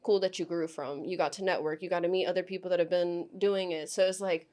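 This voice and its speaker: Young woman from tampa on a podcast, kinda low voice, says "like" a ton, easygoing chat. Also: fairly even intonation, fast talker, darkish tone. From Tampa, Florida. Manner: chatty, lots of "like" fillers. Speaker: podcast guest, model.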